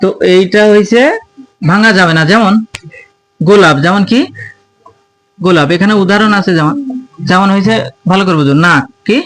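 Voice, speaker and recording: A man's voice: sits high, moderate pace, pauses often, a bit bright, dry recording, soft background music. A male teacher giving an informal grammar lesson to students. He asks questions, answers them himself and keeps repeating the key terms. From Bangladesh. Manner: colloquial, informal address to students.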